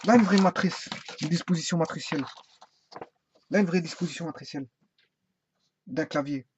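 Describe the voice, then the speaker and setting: At normal speed and with a fairly high pitch, a tutorial presenter casually walks through a laptop keyboard. He hesitates and rambles, full of fillers and restarts. The sound is dull and lo-fi, carrying a faint hiss.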